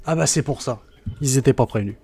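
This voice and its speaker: A man's voice: medium pitch, fast, warm tone, breathy edge. A man playing a bluffing mechanic in a tabletop game, with glib, repetitive, reassuring patter. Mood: glibly reassuring. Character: bluffing, reassuring male mechanic boasting of his upgrades.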